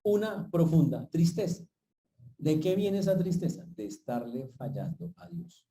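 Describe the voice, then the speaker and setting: A man preaching a sermon to his congregation as pastor, often stopping to check in with a quick "¿ok?". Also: fairly high pitch, sing-song, warm tone, poor audio.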